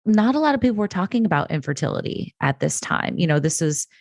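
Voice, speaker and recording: A woman hosting a podcast, asking questions and affirming her guest in a friendly way. Her voice is fairly low, and the recording is dry and close with no room sound. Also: sing-song, quick pace, creaky, a little mellow, no room sound. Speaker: podcast host. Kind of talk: casual interview conversation.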